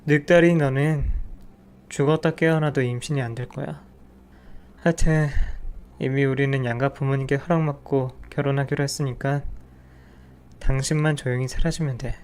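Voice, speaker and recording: A man's voice: mid-range voice, steady tone, moderate pace, pauses often, a little mellow, smooth, close to an everyday voice. A man voicing a harsh, dismissive husband who scorns his wife in a narrated audio drama. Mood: contemptuous. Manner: contemptuous, curt.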